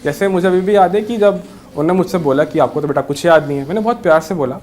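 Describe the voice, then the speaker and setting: Young male interview guest, slightly high voice, reassuring and casual, faint noise behind. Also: fast, a little mellow. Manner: friendly, reassuring, mixes English words into Hindi. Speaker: interview guest, newly selected civil judge.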